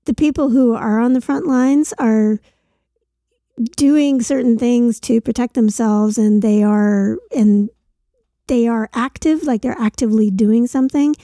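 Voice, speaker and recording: A woman co-hosting a podcast in casual chat, with a gravelly voice from a chest infection. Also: a little high, steady tone, unhurried, warm tone, no echo, studio quality. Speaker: podcast co-host.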